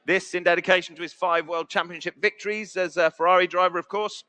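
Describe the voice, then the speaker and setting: A man's voice: high voice, steady tone, fast, bright, forceful tone. A British man working as an auctioneer, calling bids in a conversational way and repeating the figures. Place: auction sale room.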